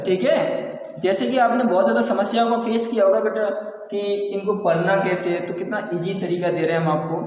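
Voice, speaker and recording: A man with an Indian accent teaches English pronunciation, speaking mostly Hindi mixed with English words. His voice sits fairly high, and it rings through a very echoey room with a long reverb tail. He keeps repeating each point as a question to his students. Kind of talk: classroom lesson video.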